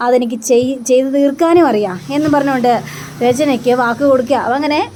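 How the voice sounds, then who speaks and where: A high-voiced woman chats through a TV serial episode, slipping into the characters' lines as she goes. A faint background hum sits under her voice. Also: quick pace, dark tone. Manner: acts out characters' lines in quotes while narrating, with fillers. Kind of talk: casual retelling of a TV serial episode.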